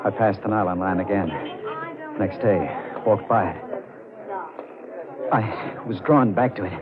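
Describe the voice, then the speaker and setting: An actor playing a tormented, obsessed killer in a 1940s radio drama, narrating with haunted, halting intensity. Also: male voice, on the low side, a loud crowd, natural voice. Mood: uneasy. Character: tormented, obsessed male strangler confessing his crimes. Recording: muffled vintage radio with music behind.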